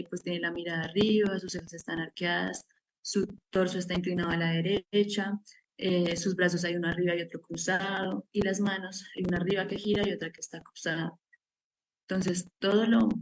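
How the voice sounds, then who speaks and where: A woman's voice: mid-range voice, background noise. Woman explaining her research method. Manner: explanatory, walks through steps with frequent "pues" fillers. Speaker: researcher presenting her study. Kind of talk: academic seminar presentation.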